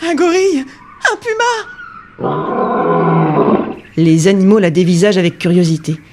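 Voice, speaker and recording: A woman reading a children's story aloud with expressive, dramatic storytelling. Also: on the low side, a little hiss or hum.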